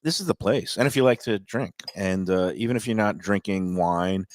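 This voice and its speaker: Deep-voiced male host, dry sound. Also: normal speed, no echo. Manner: easygoing, enthusiastic about food. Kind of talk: live on-location chat show. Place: restaurant.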